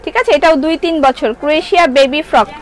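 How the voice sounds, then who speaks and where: High-voiced chatty woman selling live. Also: rapid-fire, low-quality recording. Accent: Bangladeshi Bengali. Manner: chatty, reads out viewer comments and answers them. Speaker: online shop seller. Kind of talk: live-stream product sale.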